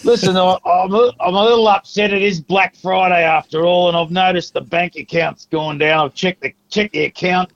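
A man playing a gruff middle-aged Australian father who rambles and stammers through a prank call to a comedy podcast. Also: high voice, steady tone, moderate pace, hardly any pauses, dry recording. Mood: complaining. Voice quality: gravelly, rambling, stammering restarts. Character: gruff middle-aged Aussie dad grumbling about his son. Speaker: prank caller. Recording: dull lo-fi phone line.

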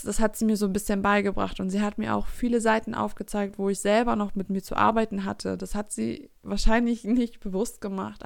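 A woman's voice: mid-range voice, creaky, dry recording, studio quality. A woman in her twenties talking reflectively in a casual personal monologue, often searching for her words. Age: 20s.

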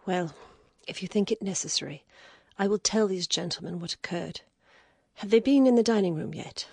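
Woman voicing a breathy, high weary noblewoman. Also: normal speed, dry recording, studio quality. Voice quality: breathy, whispery. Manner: hushed and tired, rising to bitter outrage. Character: weary, proud young noblewoman. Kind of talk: audiobook character voice.

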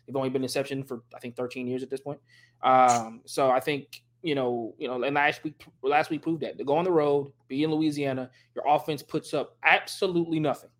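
A man co-hosting a sports podcast, giving opinionated analysis in casual chat and teasing rival fans. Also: mid-range voice. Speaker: podcast co-host.

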